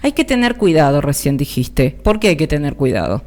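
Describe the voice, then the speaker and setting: Low-voiced Argentine woman radio host. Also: sing-song, brisk, darkish tone. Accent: Argentine Spanish. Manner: brief affirming interjections and questions. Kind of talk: radio interview. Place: radio studio.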